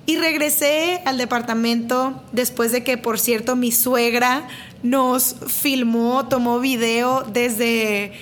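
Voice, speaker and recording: A woman tells a personal story to camera in a high, bright-pitched voice. She retells it dramatically, repeating phrases and poking fun at herself. A faint ambient hum sits underneath. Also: slow. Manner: lively, dramatic retelling with self-deprecating laughs. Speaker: mother telling a personal story.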